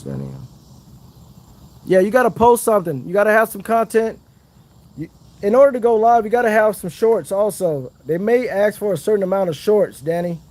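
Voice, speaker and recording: Outdoors by the water, a man with a high-sitting but darkish voice chats casually on a fishing livestream. He's chatty and uses Southern slang while hyping up his viewers.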